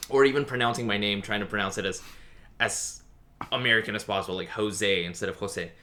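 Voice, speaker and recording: A man's voice: lowish voice, a little fast, sharp tone. A man hosting a casual interview, hesitant and thoughtful, with lots of fillers. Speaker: interviewer host.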